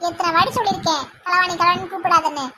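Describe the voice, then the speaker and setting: A woman doing a loud, touchy old woman. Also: very high voice, normal speed, a loud crowd. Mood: indignant. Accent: Tirunelveli Tamil. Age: older. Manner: shouting, indignant.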